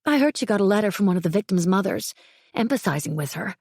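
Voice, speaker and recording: Woman playing a gentle, poised, hesitant woman. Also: medium pitch, quick pace, husky, no room sound, clean studio sound. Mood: calm. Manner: calm, hesitant, patient.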